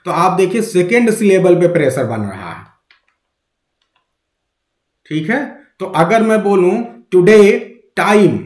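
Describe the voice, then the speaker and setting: Male literature teacher, higher voice, live class in a roomy echo, coaxing and quizzing. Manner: coaxing, quizzes students, mixes English terms into Hindi.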